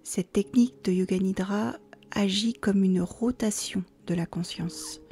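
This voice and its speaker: Guiding a yoga nidra relaxation, a woman offers soothing instructions very slowly and calmly, leaving unhurried pauses. Her near-whispered voice is medium-pitched, soft, and mellow with a creaky edge, with faint music underneath.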